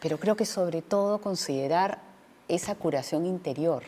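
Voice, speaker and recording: A woman's voice: fairly low pitch, moderate pace, dark tone. A woman hosting a conversational religious talk show, reflecting on faith and healing and reading scripture passages aloud.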